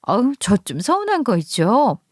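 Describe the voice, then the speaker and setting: Woman doing a gushing, flattering sister-in-law. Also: a little high, normal speed, no echo, studio quality. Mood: chatty. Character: sweet-talking younger sister-in-law, eager.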